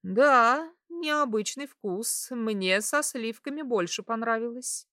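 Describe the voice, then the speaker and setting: Woman playing a lively, teasing empress. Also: fairly high pitch, slow pace, no room sound, studio quality, voice pushed up, exaggerated voice. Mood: delighted. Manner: animated, teasing.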